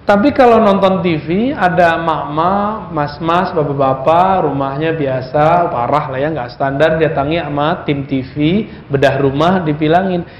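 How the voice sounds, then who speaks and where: A man preaching in a high voice, chatting easily with his listeners and asking them questions as he goes. The sound is echoey and dull, like a lecture recording taken in a reverberant room. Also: moderate pace, a little hiss or hum. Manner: conversational, asks the audience questions. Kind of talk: religious lecture.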